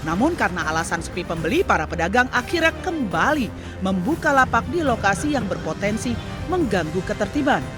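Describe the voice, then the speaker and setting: A woman's voice: mid-range voice, big pitch swings, a little fast. Woman narrating news over music. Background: music under the voice.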